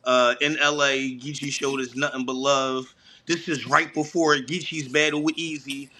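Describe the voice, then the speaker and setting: A man, a battle rapper, telling animated stories in a casual podcast chat, full of slang and "you know what I'm saying.". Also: mid-range voice, normal speed, noisy background.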